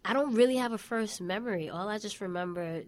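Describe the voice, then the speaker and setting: A woman's voice: mid-range voice, fairly quick. A woman in her twenties with a Queens, New York accent, co-hosting a talk show in casual chat. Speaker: co-host of a wrestling talk show.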